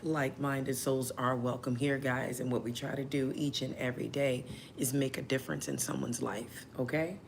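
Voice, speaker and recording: A woman whose voice is still hoarse, hosting a tarot livestream in a chatty way and checking in with her listeners often. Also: rumbling low, steady tone, moderate pace, hardly any pauses, slight background noise. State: hoarse, recovering voice. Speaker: tarot reader and channel host.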